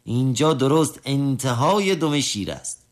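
A man voicing a patient, obliging old-time bath barber who answers calmly. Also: mid-range voice, pitched above the performer's own voice, lightly acted. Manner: calm and accommodating.

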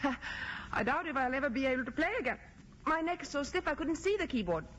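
A woman's voice: high voice, animated, fast, fairly bright tone, rough recording. An actress playing a guarded, refined young woman pianist in a vintage melodrama film, speaking formally and with restraint. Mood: coy, playful. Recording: old film soundtrack with music behind.

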